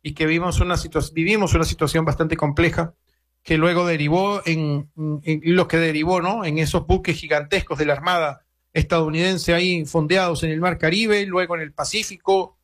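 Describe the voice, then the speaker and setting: A man hosting early-morning radio news in a notably high voice. He talks loosely and conversationally, dropping in wry asides between the news items. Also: fairly even intonation, normal speed, fairly bright tone. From Venezuela. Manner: conversational, reads quotes aloud, adds wry asides.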